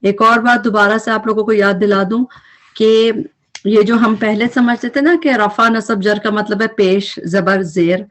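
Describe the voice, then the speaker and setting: A woman's voice: mid-range voice, steady tone, a bit bright. A woman teaching an Arabic grammar recap lesson, explaining patiently and mixing English terms into her speech.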